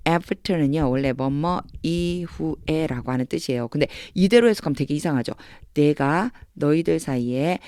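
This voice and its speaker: In a clean studio recording with no echo, a woman tutor teaches English reading through Bible texts. She explains with patience, reads phrases slowly and with stress, and performs quoted lines with lively emphasis, her voice sitting low.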